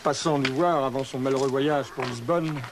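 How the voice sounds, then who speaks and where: A man's voice: mid-range voice, fairly even intonation, moderate pace, close to an everyday voice. Man playing an irreverent storyteller, noisy recording. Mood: mischievous. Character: gossipy irreverent male storyteller, bawdy and mocking about monks.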